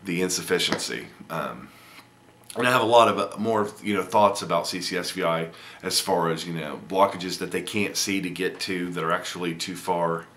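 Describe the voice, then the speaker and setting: Deep bright-toned rambling man. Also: moderate pace, a little hiss or hum. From Indiana, USA. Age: 30s. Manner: rambling and musing, many ums and restarts. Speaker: vlogger. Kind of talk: casual video update.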